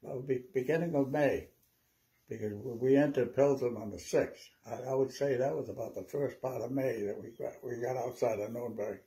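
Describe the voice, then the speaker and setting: A man in his nineties, an old veteran remembering his war days in a halting, rambling, conversational way with repeated words. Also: mid-range voice, dark tone, low-quality recording. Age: 90s. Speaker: WWII veteran interviewee. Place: small living room at home, seated.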